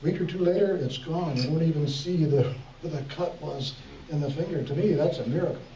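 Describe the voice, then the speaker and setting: A brisk, warm, fairly high male voice does comedy magic patter like a kids' party emcee-magician, playfully getting the audience to react, with slight background noise. He's performing on a talent show stage in an echoey hall. The distant, muffled recording picks up music and the crowd too.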